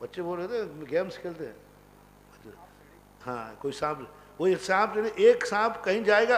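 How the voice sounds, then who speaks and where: A man, a Jain monk from India, teaching a scripture class, explaining step by step with rhetorical questions and chanting sutra lines slowly. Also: sits high, big-room sound, slight background noise.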